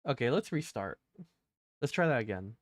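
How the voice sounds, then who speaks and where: A man's voice: mid-range voice, very animated, moderate pace, dry recording, studio quality. A man streaming a horror game, chatting casually and rambling with lots of fillers. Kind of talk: casual gameplay commentary. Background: game music.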